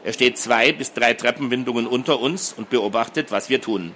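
A man reading a fantasy story and voicing a thoughtful teenage boy who talks in a measured, quiet way. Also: mid-range voice, a little hiss or hum, natural voice.

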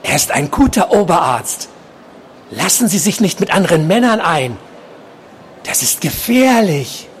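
A man voicing a soft-spoken, obsessive male psychiatric patient, quiet and insistent, while reading from his novel. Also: high voice, very animated, a little slow, a little hiss or hum, voice pushed up.

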